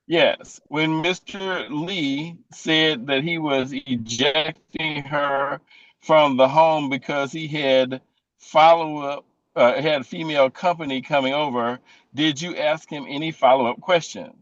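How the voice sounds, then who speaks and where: A male defense attorney cross-examining a witness in court, pointed and deliberate. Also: fairly high pitch, fairly even intonation, fairly bright tone, no echo. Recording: dull, dry lo-fi courtroom audio.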